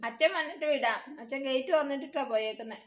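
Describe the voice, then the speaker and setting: A woman's voice: high voice, fast talker, a bit bright. A woman talking soothing baby talk to her crying puppy, coaxing and repeating herself. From Kerala, India. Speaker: dog owner vlogger.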